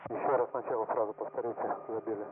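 A man's voice: lowish voice, level tone, fast. Man reading back over two-way radio. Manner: careful, reads messages back. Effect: two-way radio transmission. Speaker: radio operator. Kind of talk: clipped radio procedure. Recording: tinny band-limited radio with faint hiss.

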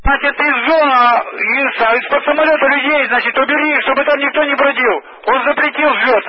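Male tower dispatcher, high-pitched, operational radio talk through heavy static. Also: fairly quick. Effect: radio transmission. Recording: narrowband radio, loud static noise.

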